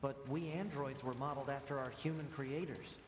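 A man's voice: mid-range voice, steady tone, fairly quick, a little hiss or hum, lightly acted. An actor playing an earnest young male android scout in a video game, speaking in a thoughtful, questioning way. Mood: curious. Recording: reverberant game audio with faint ambience.

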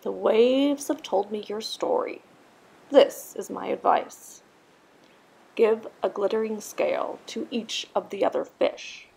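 A woman reading a storybook, voicing a wise, calm female octopus with a measured, solemn manner. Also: mid-range voice, creaky, husky, full character voice, rough recording. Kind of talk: storybook character read aloud.

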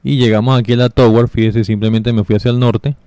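Mellow man narrating a game walkthrough. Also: mid-range voice, fast, smooth, no echo. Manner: relaxed, step-by-step explaining with fillers. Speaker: gameplay guide narrator. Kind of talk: casual game walkthrough commentary.

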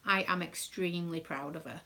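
On a live stream with some background noise, a British craft streamer and proud dance mum talks a little fast in a lowish voice. She is chatty and wanders from point to point, saying um often.

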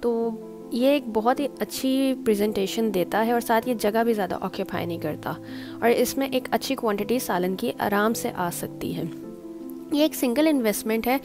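A woman casually walking through a home table-setting demonstration, talking step by step and mixing in English words. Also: mid-range voice. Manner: chatty, explains step by step, mixes in English words. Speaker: home cooking channel host.

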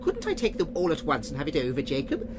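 A man's voice: a little high, wildly swooping pitch, fast, voice pushed up. A man voicing a frightened old miser who stammers and pleads, in a noisy audiobook recording. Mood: pleading.

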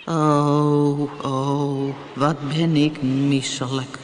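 A woman voicing a sick male whale who moans slowly in a storybook reading. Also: low-pitched, little pitch movement, darkish tone, big-room sound, a little hiss or hum. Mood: queasy moaning. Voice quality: slow, groaning.

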